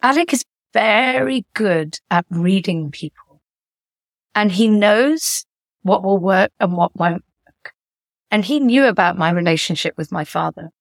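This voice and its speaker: A woman's voice: medium pitch, a little slow, vocal fry, no echo. Reflective woman founder, dry close sound. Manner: reflective, animated when retelling stories. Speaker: guest, founder and author. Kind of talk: conversational interview.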